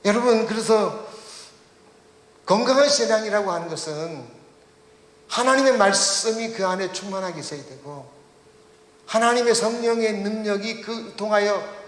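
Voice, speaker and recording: Preaching in a reverberant church hall, this pastor has a high voice and keeps a moderate pace, pausing often. He questions the congregation and leads them through reading the passage aloud.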